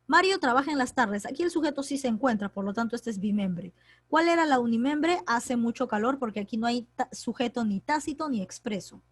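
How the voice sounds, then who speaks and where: Woman teacher, fairly high voice, patient step-by-step explaining, dry close recording. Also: expressive, fairly quick, no echo. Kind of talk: online grammar lesson.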